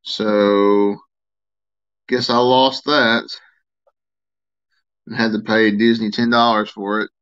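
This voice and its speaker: Tired man, low voice, rambling live-stream host reading chat, slightly muffled lo-fi audio. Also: takes it slowly, long pauses, smooth. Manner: rambling, relaxed, reads and answers chat comments. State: tired, yawning.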